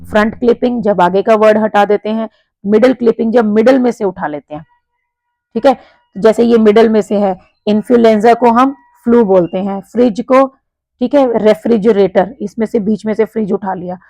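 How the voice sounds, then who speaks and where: A woman teaching an exam lesson, reading sentences slowly and explaining in Hindi. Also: medium pitch, fairly even intonation, dark tone, no echo, low-quality recording. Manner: reads English sentences slowly, explains in Hindi with frequent "theek hai". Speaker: English teacher. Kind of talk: exam-prep lesson walkthrough.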